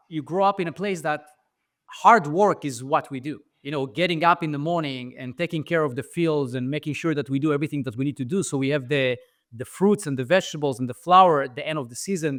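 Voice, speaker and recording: His voice is a little high and a bit bright, in a dry studio-quality recording. This middle-aged franchise founder with an Israeli accent is a thoughtful podcast interview guest, telling his story with lots of fillers and restarts.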